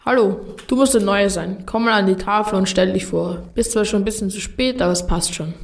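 A young woman as a brisk teacher. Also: mid-range voice, gravelly, close to an everyday voice. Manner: brisk classroom instructions. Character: friendly female schoolteacher.

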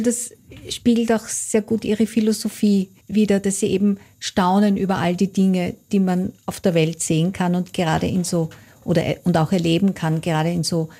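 A woman's voice: mid-range voice, dark tone. A woman interviewing a guest, asking long careful questions attentively.

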